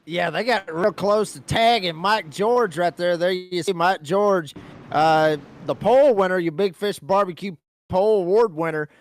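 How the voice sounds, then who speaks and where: A man's voice: sits high, normal speed. A man calling a race as lead commentator, with folksy, announcer-like play-by-play.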